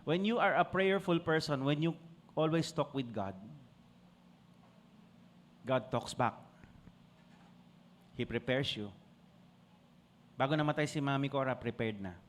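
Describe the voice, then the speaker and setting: A man's voice: mid-range voice, takes it slowly, pauses often, a little hiss or hum. A man with a Filipino accent preaching a sermon, switching between Tagalog and English and calling on the congregation to answer. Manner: asks the congregation for responses. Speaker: pastor.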